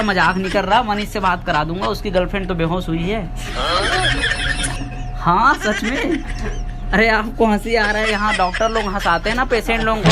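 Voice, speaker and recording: A young man with a high voice pulls a loud, boastful prank call, laughing as he goes. Heavy background noise from a busy public place runs under his voice. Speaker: prankster making fake phone calls. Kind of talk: loud comic phone prank.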